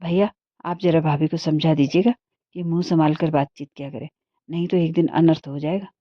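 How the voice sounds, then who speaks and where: A woman voicing a rude, hot-tempered young village man in a storybook reading, with a sharp, scolding manner. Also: low-pitched, steady tone, no room sound. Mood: angry, scolding. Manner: sharp, scolding, quick to anger. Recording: dull muffled dry recording.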